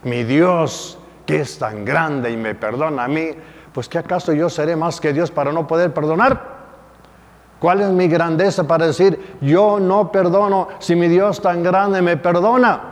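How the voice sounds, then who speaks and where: A man's voice: a little high, a little slow, long reverb tail. A man preaching a sermon as a priest, emphatic, with repeated rhetorical questions.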